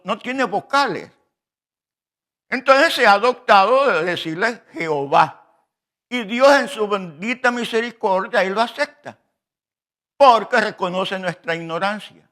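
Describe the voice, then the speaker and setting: Male preacher, high and bright voice, unhurried teaching sermon, keeps turning to the congregation. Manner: slow, teaching tone, often addressing the congregation as brothers.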